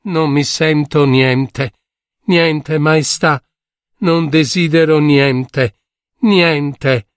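A man's voice: fairly high pitch, steady tone, drawn-out words, smooth, no room sound, studio quality. A man voicing a wasting young prince who speaks weakly and listlessly. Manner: weak, listless, pleading.

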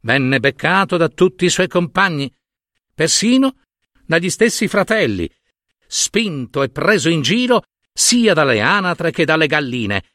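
A man reading a children's story aloud in a slow, expressive way. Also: fairly high pitch, no echo, studio quality. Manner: slow, expressive, lively narration.

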